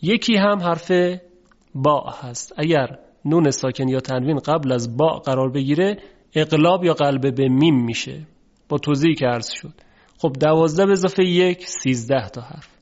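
In a recorded recitation lesson, a man speaks formally and politely, explaining patiently and drawing sounds out slowly to demonstrate them. His voice sits on the high side with a darkish tone, and the highs are cut off.

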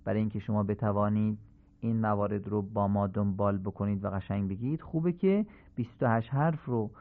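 A man teaching Quranic pronunciation on a radio program, drilling syllables slowly and deliberately. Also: on the low side. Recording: tinny phone-like radio sound.

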